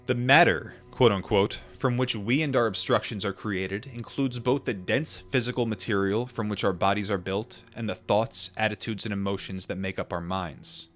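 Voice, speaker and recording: A low-voiced man with a fairly bright tone reads a book aloud on stream and chats reflectively with viewers. He muses informally, with pauses and repetitions, and music plays behind him.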